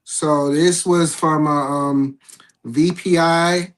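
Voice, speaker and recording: A middle-aged reptile breeder on a video call, talking softly and unhurriedly in casual chat. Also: medium pitch, fairly even intonation, takes it slowly. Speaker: reptile breeder, panel guest.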